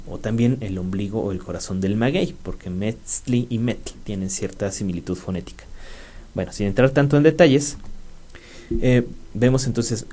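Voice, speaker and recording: In a radio studio, a man with a Mexican Spanish accent hosts an educational talk about place names. His voice is fairly low and dark, and his explanations are full of fillers and restarts.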